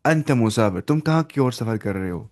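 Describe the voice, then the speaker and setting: A man teaching an online Arabic lesson in with English words mixed in, reading Arabic phrases slowly and then explaining them. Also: medium pitch, expressive, a little mellow.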